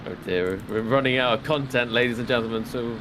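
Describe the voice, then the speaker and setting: A man's voice: mid-range voice, fast, background noise. A man commentating a sim race with chatty, laughing banter. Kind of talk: casual esports race commentary.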